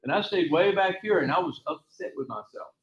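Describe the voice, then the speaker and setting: A man's voice: high voice, fairly quick, fairly bright tone. A man teaching a taekwondo class, giving a repetitive, emphatic motivational talk full of rambling stories. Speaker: taekwondo instructor. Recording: echoey, dull lo-fi room sound.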